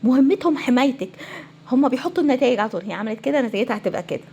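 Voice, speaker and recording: A woman family counselor with an Egyptian Arabic accent, giving a casual, animated talk to viewers. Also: on the high side, very fast, slight background noise. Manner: animated, conversational, acts out quoted voices.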